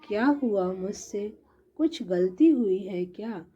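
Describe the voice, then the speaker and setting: A woman voicing a gentle, worried young daughter-in-law who pleads politely in a storybook tale. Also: mid-range voice, lively intonation, takes it slowly, breathy edge. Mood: pleading. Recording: dull lo-fi recording.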